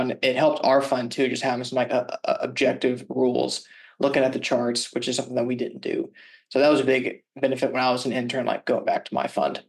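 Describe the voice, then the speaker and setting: A young man with a boyish voice hosts a podcast in a casual, conversational way. His intonation stays very even, with little rise and fall. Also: medium pitch. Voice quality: boyish-sounding voice. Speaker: podcast host. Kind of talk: casual interview chat.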